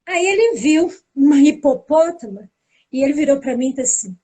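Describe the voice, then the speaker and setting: A woman, a teacher, tells a school story in a casual, animated way. Her voice sits high, and she slips into the other speakers' lines as she goes. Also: moderate pace. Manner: lively storytelling, acting out the dialogue. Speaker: teacher and pedagogical coordinator. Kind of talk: casual spoken anecdote.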